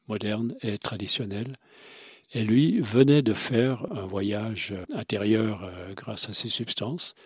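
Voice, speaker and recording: A man's voice: fairly low pitch, husky, no echo, studio quality. A man telling travel stories as a guest, enthusiastic and expansive, with frequent hesitations. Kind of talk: conversational storytelling.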